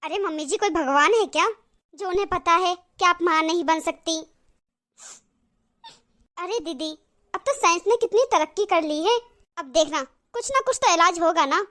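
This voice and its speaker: A woman's voice: very high voice, normal speed, long pauses, a bit bright. A woman voicing a young, caring daughter-in-law in a cartoon, speaking earnestly and reassuringly. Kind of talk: cartoon voice acting.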